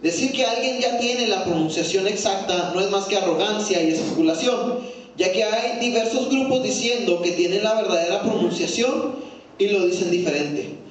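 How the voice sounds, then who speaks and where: A man teaching a Sunday school Bible class, often checking in with listeners with a quick "¿sí?" and putting questions to the class. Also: high-pitched, a little hiss or hum. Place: echoey church room. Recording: very echoey room from far off.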